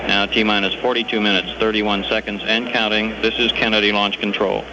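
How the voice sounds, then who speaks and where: A man giving steady live countdown commentary from launch control, heard as a crackly radio transmission. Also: lowish voice. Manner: steady, measured announcer delivery. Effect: crackly radio transmission sound. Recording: noisy lo-fi archival radio broadcast.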